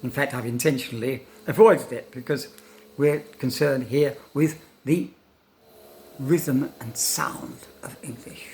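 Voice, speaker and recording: An older male teacher talks through his lesson in a thoughtful, unhurried way, pausing often and stressing single words to show how they sound. His voice sits at a middle pitch, and he checks in with his listener with a quick "no?" after his points. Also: a little mellow, a little hiss or hum. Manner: thoughtful, pausing, demonstrates intonation aloud; tags questions with "no?". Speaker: English teacher. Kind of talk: informal spoken lesson.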